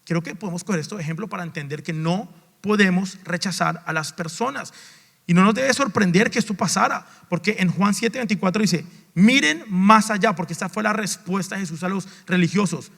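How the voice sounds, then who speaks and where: A male pastor delivers a sermon in a high voice that rises to emphatic declarations, then drops to low, almost muttered asides. He repeats words and restarts phrases as he goes. His voice rings with the long reverb of a large church sanctuary. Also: fairly quick, vocal fry, fairly bright tone. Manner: swings between raised emphatic lines and low, near-muttered asides.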